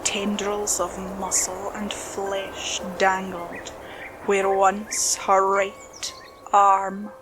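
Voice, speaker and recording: A woman narrating a horror story slowly and dramatically, dropping to a hush at tense moments. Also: medium pitch, monotone, background noise. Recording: spooky music bed under voice.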